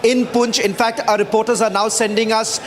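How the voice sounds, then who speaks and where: A man presenting live news updates in a measured briefing tone, with frequent filler sounds. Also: sits high, flat delivery. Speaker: news anchor.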